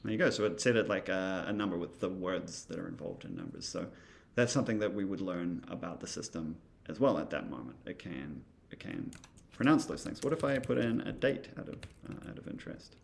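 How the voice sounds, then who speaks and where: Male instructor, low and gravelly, casual demo talk full of fillers. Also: very animated, fairly quick, a little hiss or hum. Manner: thinking aloud, many fillers and asides. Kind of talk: casual walkthrough of software.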